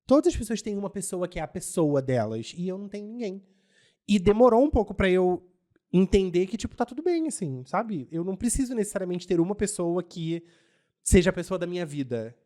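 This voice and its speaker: A man co-hosting a podcast, talking in a thoughtful, relaxed and drawn-out way. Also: high-pitched. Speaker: podcast co-host. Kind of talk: casual podcast chat.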